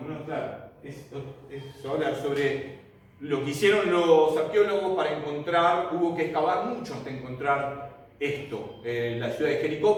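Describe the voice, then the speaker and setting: A man's voice: fairly high pitch, slight background noise. A man teaching a Bible class, telling the story vividly and asking the class rhetorical questions. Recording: echoey room, mic far off.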